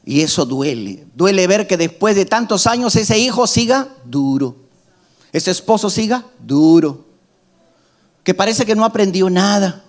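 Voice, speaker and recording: Middle-aged male pastor, high voice, emphatic sermon delivery with loud peaks and soft asides. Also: big pitch swings, normal speed, few pauses. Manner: emphatic preaching, rising to loud climaxes and dropping to soft asides.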